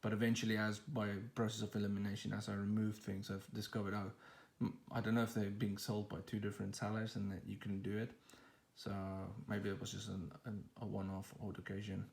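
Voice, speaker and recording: A tech channel host with a lowish voice and vocal fry casually talks through an unboxing at home. He rambles with fillers and restarts while filming on a phone held in one hand.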